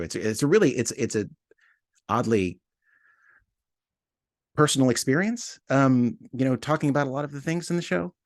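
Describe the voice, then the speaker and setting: A low-voiced man, a podcast writer and co-producer appearing as an interview guest, talks in a casual, reflective way. He sounds hesitant and self-deprecating as he searches for words. The audio is studio quality with no echo.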